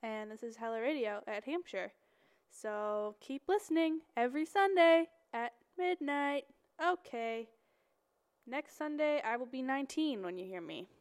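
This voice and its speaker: A woman's voice: sits high, expressive, unhurried, smooth. An eighteen-year-old woman from Northern California, a college radio DJ, chatting casually between songs in a rambling, playful way, full of fillers. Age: 18, young adult. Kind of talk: casual late-night radio chat.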